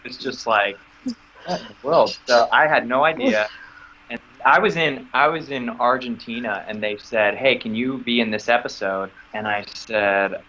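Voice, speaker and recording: Guy guest on a podcast, chatty storyteller, bright tone, kinda dull audio with a little hiss. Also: moderate pace. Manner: animated, acts out quoted dialogue with sudden high squeaks. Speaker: actor interview guest. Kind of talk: casual storytelling interview.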